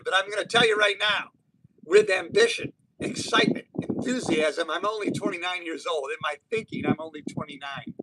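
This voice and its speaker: Man in his sixties, upbeat motivational live-stream talk, slightly high voice, noisy outdoor stream. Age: 60s. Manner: upbeat, motivational, rambling with restarts. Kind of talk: casual live-stream monologue. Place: outdoors on an island. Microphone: phone or camera for a live stream.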